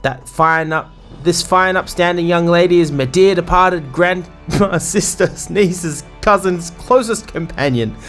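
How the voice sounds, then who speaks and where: A man's voice: high-pitched, unhurried, a bit bright, faint music behind, voice pushed up. A man voicing a boisterous, bawdy male sailor innkeeper in a put-on English pirate accent, full of salty slang. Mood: jovial. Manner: salty slang, rambling banter.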